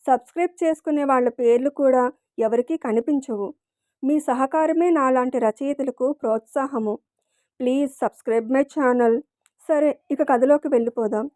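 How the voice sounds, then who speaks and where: A woman hosting her own channel and narrating a serial love story in a gentle, steady reading voice. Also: high voice, no room sound, studio quality.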